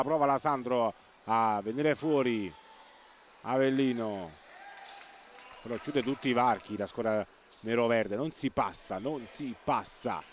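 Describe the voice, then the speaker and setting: A man giving live play-by-play sports commentary, excitable and breathless, repeating names and words for emphasis. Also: medium pitch. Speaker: live futsal match commentator. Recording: noisy sports hall ambience.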